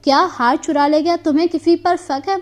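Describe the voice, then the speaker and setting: Woman doing villagers asking questions, puzzled, high voice. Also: fairly even intonation, fairly quick, darkish tone, lightly acted.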